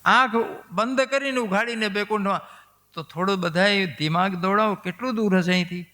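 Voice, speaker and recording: Male sermon storyteller, high-pitched, explains and quizzes the audience. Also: normal speed, in a large hall. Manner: animated, questioning the audience. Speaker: religious storyteller.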